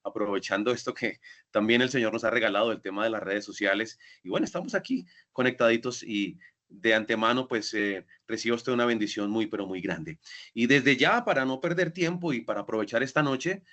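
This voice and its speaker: A man serves as master of ceremonies, opening the event with a formal, ceremonious welcome. His pitch is in a middle range, and he drops in the occasional filler. He is heard over a video call. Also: fairly quick, fairly bright tone.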